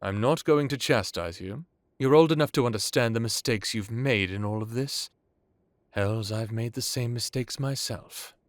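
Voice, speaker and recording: A man playing Dracula, an ancient vampire with a wry, commanding, measured and theatrical delivery in an audio roleplay. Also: mid-range voice, dry recording, studio quality, natural voice. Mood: grave, warning. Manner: measured, theatrical, formal with dramatic pauses. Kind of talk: dramatic audio roleplay acting.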